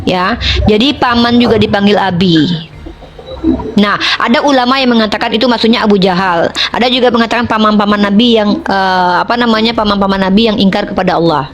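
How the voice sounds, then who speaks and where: A woman's voice: medium pitch, brisk. A young Indonesian woman hosting a heated online debate, combative and mocking, talking over her opponent. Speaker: debate host.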